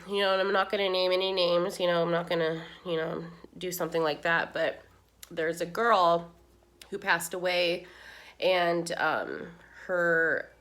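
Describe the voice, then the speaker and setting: Middle-aged woman vlogger, slightly low voice, teary and rambling, heartfelt casual talk. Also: fairly bright tone. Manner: rambling, many "you know"s, tearful and heartfelt. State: crying. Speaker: makeup vlogger. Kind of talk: casual chat while doing makeup.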